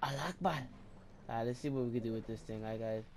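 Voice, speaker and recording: A man's voice: medium pitch, fast talker, a little hiss or hum. Crude, joking man commentating gameplay. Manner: crude, jokey, repeats himself, bursts of loud excitement. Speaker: gameplay video maker.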